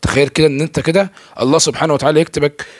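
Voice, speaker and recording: A man's voice: on the high side, steady tone, racing, dry recording, clean studio sound. A young man with an Egyptian Arabic accent giving a casual religious talk to camera. He asks himself questions and answers them, and he often stalls on repeated fillers. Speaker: religious speaker. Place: filming himself indoors.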